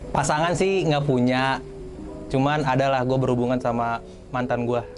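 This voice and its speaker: A man's voice: mid-range voice, fairly even intonation, moderate pace, over music. A man in his twenties, a student and seller, talking openly as an interviewee. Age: 20s.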